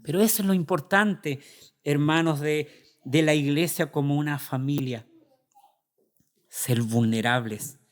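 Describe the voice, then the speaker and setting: A man with a Chilean Spanish accent delivers an earnest, confessional sermon as a pastor. His voice sits a little higher than most men's, and he often acts out his own prayers and struggles aloud. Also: measured pace, long pauses.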